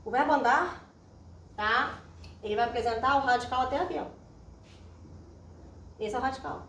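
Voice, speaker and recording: A woman's voice: a little high, normal speed, fairly bright tone. A Brazilian woman teacher giving a grammar lesson at a whiteboard, explaining step by step and checking in with her students. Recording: roomy echo, distant mic, faint hiss.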